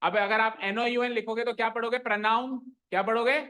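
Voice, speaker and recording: A man's voice: extremely high pitch, steady tone, fairly quick, bright, forceful tone. Male teacher quizzing his class. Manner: quizzes students, makes them repeat answers; mixes English terms into Hindi explanation. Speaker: math teacher. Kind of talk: classroom lesson. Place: classroom with students.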